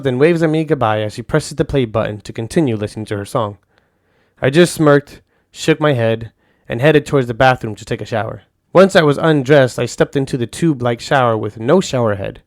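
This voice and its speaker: A man narrating a first-person audio story in a calm, soft-spoken way. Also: mid-range voice, fairly quick, no room sound, clean studio sound.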